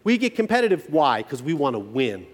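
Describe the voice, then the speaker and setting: Animated male pastor in a reverberant hall. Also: a little high, fairly quick. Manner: animated, emphatic storytelling with humor. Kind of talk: sermon.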